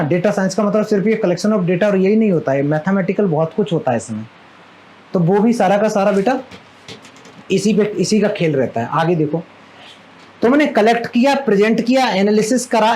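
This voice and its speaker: High-voiced and somewhat dark in tone, a male maths teacher lectures a live classroom, chatty and lovingly scolding, repeatedly quizzing his students. The audio is poor.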